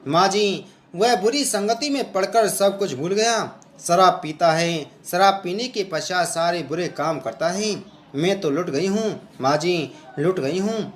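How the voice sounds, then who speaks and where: A man's voice: sits high, measured pace, roomy sound, a little hiss or hum. A man voicing a grieving, devoted young wife who pleads tearfully in prayer. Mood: sorrowful.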